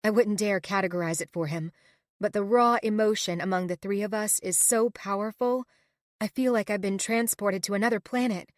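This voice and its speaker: Expressive woman audiobook narrator. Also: mid-range voice, normal speed, dry recording, clean studio sound. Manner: emotional, expressive reading. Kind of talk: first-person audiobook narration.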